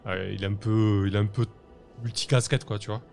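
A man with a lowish voice runs a tabletop game over an online call, narrating with frequent pauses and restarts. Faint music plays behind him. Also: fairly even intonation, gravelly, darkish tone. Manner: hesitant, many fillers and restarts. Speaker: game master.

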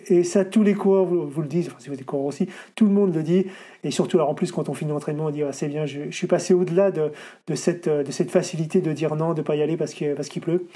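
A man's voice: a little high, fairly even intonation, fast talker, mellow, slightly rough. A middle-aged man as guest in an interview, answering at length with many fillers and restarts. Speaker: ultra-distance runner guest.

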